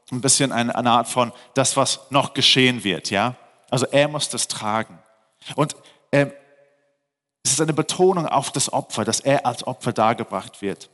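A man's voice: mid-range voice, fairly bright tone, in a large hall. A man preaching a sermon, mixing scripture reading with emphatic explanation and rhetorical questions to his listeners. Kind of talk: sermon, Bible teaching.

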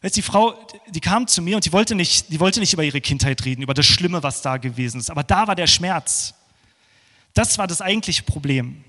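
A man's voice: lively intonation, brisk. Man preaching in a reverberant hall. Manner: swings between rising fervent passages and hushed, low prayerful ones. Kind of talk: sermon.

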